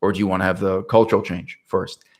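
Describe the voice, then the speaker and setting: A man talking through a political topic in a casual monologue, rhetorical and animated, often checking in with "right?" and laughing mid-sentence. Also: deep voice, fast talker. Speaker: political commentator.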